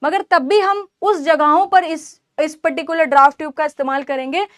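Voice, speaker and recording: A woman's voice: sits high, steady tone, normal speed, fairly bright tone, dry recording, studio quality. A woman lecturing on engineering in a classroom style, asking her class questions and answering them herself, with teasing asides to her students. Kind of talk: classroom lecture mixing Hindi and English terms.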